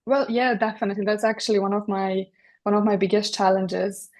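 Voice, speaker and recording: A woman's voice: medium pitch, level tone, a little fast, darkish tone. A woman in her thirties from Serbia with a Serbian accent, talking as a podcast guest about her work, with many fillers and restarts. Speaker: guest, interior designer. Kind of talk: podcast interview.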